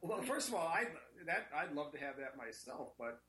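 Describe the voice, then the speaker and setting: Chatty male co-host over a cave-echo call line, bright-toned and lively in pitch. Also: normal speed. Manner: chatty and rambling, with some restarts. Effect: echoey call audio, like talking from a cave or tunnel. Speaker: co-host calling in remotely. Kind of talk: casual chat. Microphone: internet voice call. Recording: echoey remote internet call.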